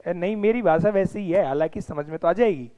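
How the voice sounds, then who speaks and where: A man's voice: sits high, a little fast, mellow, highs cut off. A man teaching a class, mixing the lesson with teasing and scolding of his students. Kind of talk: classroom lecture with banter.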